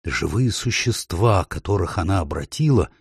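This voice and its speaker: An earnest, blunt male beaver from a storybook, as a man reads him, in a low, husky voice that swings widely in pitch. He leans hard on the important words, and the recording is dry and close. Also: expressive, normal speed, dry recording, exaggerated voice. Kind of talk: audiobook character voice.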